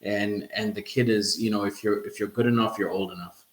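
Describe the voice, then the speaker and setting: A man's voice: lowish voice, fairly even intonation, a little fast, reverberant. A man hosting a casual football podcast, chatting loosely and laughing now and then. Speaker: podcast host.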